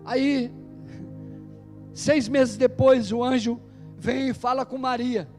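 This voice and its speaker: High-voiced man preaching an emphatic sermon. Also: fairly even intonation, takes it slowly, a little mellow, faint music behind. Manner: emphatic preaching, calls out to the congregation. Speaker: pastor. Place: church service.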